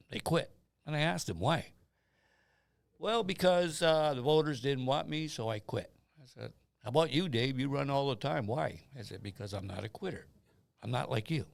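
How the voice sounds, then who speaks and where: A man's voice: medium pitch, vocal fry, no echo, studio quality. An older man from Guam, a political candidate, talking in a jovial, chatty way and telling little stories in a casual interview. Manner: jovial, chatty, tells anecdotes with quoted dialogue.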